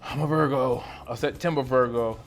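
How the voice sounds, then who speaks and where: A man's voice: moderate pace, faint music behind. Playful man in his thirties. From North Carolina, USA. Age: 30s. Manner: playful, slangy, animated, jumps between loud exclamations and low asides. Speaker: esthetician vlogger. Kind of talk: casual question-and-answer vlog. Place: small room lit by colored lights. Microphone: camera in front of him at close range.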